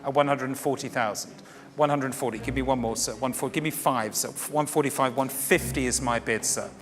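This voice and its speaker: During a live fine art auction, the male auctioneer calls bids to the saleroom and repeats them in a formal, courteous manner. He speaks a little fast at medium pitch, keeping his intonation fairly even.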